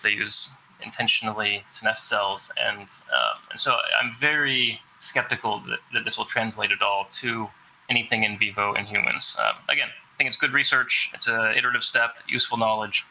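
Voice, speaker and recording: A man's voice: lowish voice, gravelly, sharp tone, highs cut off, slight background noise. A man in a casual science discussion, speaking skeptically with hedges. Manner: skeptical, hedging. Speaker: discussion participant.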